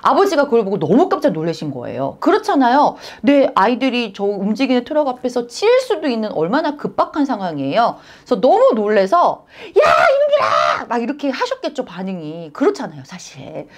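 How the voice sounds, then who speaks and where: A woman hosts a chatty news channel and tells each story with a lively, swooping voice. She sits a little high in her register and jumps into short exclaimed lines as she acts out what people said. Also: brisk, hardly any pauses. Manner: animated, acts out quotes with sudden exclamations. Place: lives in Queens, New York.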